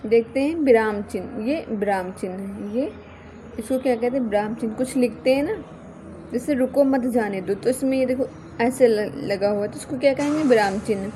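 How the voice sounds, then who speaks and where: A woman's voice: fairly high pitch, fairly quick, dark tone, slight background noise. Hindi teacher woman, repeats herself. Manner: repeats key points with rhetorical "kya?". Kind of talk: exam-prep Hindi grammar lesson.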